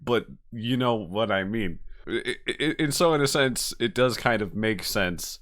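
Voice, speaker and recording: His pitch fairly low and his tone a bit bright, a man comments casually and without a script while hosting a reaction video. The delivery is emotive and halting, with repeated phrases throughout.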